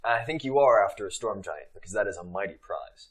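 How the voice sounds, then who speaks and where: A man role-plays as a player in a tabletop game. His voice is a little low with a forceful, bright edge. He mixes casual chat with wordy, formal in-character lines. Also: expressive, a little fast.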